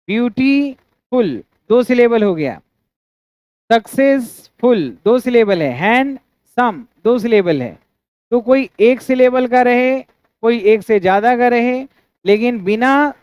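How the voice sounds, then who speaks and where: A man's voice: very high voice, clean tone, no room sound. A man with an Indian accent teaching an English grammar class, often asking students to confirm they follow and breaking words into syllables. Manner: asks students frequent checking questions. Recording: dry, dull lo-fi sound.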